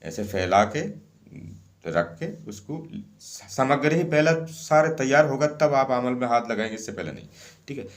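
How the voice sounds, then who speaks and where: A man's voice: mid-range voice, animated, normal speed. A man explaining ritual instructions step by step in a casual spoken way, repeating each point and often checking in with "okay".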